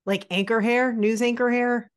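A woman's voice: a little high, fairly even intonation, normal speed, smooth. A woman in her late forties co-hosting a podcast, chatting candidly and poking fun at herself, with plenty of fillers. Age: 40s. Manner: candid, self-deprecating, chatty with many fillers. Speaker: podcast co-host. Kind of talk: casual chat.

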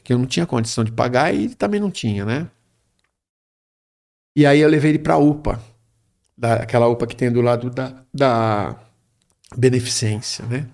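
A middle-aged man with a mid-range voice, vocal fry and a darkish tone rambles casually through a personal story. He keeps tagging his phrases with a questioning "né?", meaning "right?".

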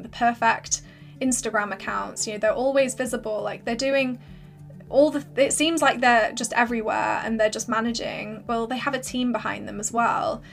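A woman hosting a solo podcast with casual, rambling, encouraging advice, her voice slightly hoarse as if she is losing it. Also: a little high, a bit bright. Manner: informal, filler-heavy, rambling encouragement. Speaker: podcast host and creative business coach.

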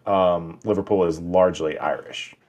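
A man co-hosting a casual podcast chat, talking in halting bursts with many restarts and ready laughter. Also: low voice, fairly even intonation, a little mellow, highs cut off. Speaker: podcast co-host.

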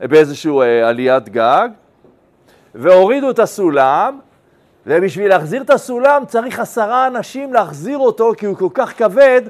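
A man teaching a Talmud lesson as a rabbi, telling the story in an animated way, dropping from loud to hushed and asking his listeners questions. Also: high voice.

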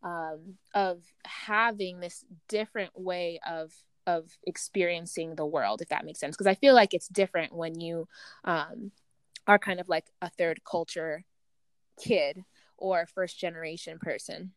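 A woman from Uganda hosting an interview, animated and hesitant with restarts. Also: on the low side, measured pace, clean tone, dry recording. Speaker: interviewer, host. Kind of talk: conversational interview.

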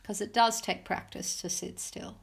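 Woman, medium pitch, mindfulness podcast host, soothing delivery, guided meditation for families. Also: fairly even intonation, vocal fry, husky. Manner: soothing, unhurried instructions with pauses.

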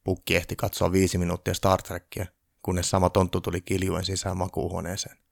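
A man reading a humorous Christmas story aloud in a dry, deadpan way. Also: low-pitched, creaky, no echo.

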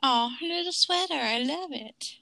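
A woman's voice: sits high, expressive, normal speed, gravelly, bright, forceful tone, no echo. A woman in her thirties co-hosting a casual rewatch podcast, chatty and laughing, acting out quotes. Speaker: podcast co-host.

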